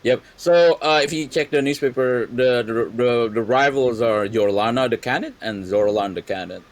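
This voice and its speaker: A man's voice: mid-range voice, normal speed. A man running a tabletop game as game master, chatting casually, laughing and boasting, and stumbling over repeated words. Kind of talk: casual game chat on a live stream.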